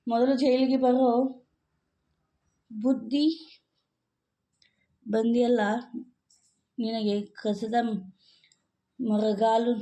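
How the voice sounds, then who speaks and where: A man's voice: very high voice, little pitch movement, very slow, pauses often, mellow, voice pushed up, exaggerated voice. A man putting on the voice of a scornful male jailer who orders a prisoner around. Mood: mocking.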